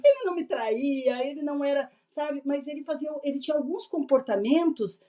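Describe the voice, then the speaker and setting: A woman's voice: high voice, a little fast. A middle-aged woman from Brazil, a podcast guest, telling a personal story in a casual interview and acting out what people said. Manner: animated, acts out remembered dialogue, laughs often.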